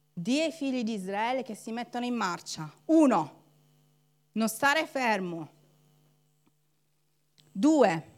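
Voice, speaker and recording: A woman pastor preaching a sermon, acting out the people in her story and laughing as she goes. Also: on the high side. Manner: animated, acts out quoted voices with laughter.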